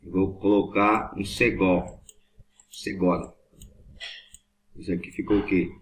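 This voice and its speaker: A man's voice: low voice, flat delivery, takes it slowly. A man teaching a Hebrew class, patiently repeating each point and checking whether students follow. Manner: patient, repetitive, checks understanding often. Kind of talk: classroom lesson at a board.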